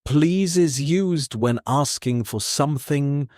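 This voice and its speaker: Male relaxation-lesson teacher: calm, very drawn-out pacing, repetitive phrasing, dry close recording. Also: fairly high pitch, no room sound. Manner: calm, unhurried, repeating words with pauses. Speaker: English teacher and relaxation guide. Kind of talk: slow guided relaxation language lesson.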